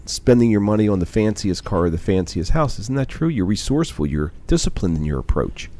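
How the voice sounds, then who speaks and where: Brief: male radio interviewer, very deep, lively and quick, pushy follow-ups. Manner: probing, interrupting with follow-up questions. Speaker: radio show host.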